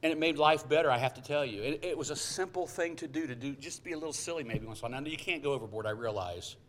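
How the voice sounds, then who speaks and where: A man's voice: a little high, fast talker, slight background noise. Folksy male pastor, joking sermon. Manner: folksy storytelling, jokey asides.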